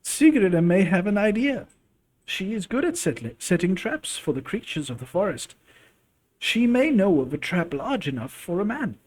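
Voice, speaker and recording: A man voicing an older woman, a wise and worried clan mother, with earnest, gentle advice in a role-playing game. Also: high-pitched, very animated, normal speed, pitched above the performer's own voice.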